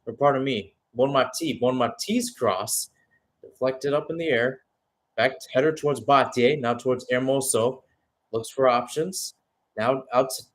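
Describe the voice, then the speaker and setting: Delivering live play-by-play football commentary like radio, this man's rather high voice surges when chances come and settles down in quieter moments.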